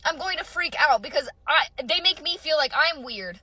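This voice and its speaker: A young woman ranting to camera in exasperation, swearing a lot, pleading and bursting into shouts. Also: high-pitched, lively intonation, normal speed, no room sound, low-quality recording. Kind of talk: impassioned rant to camera.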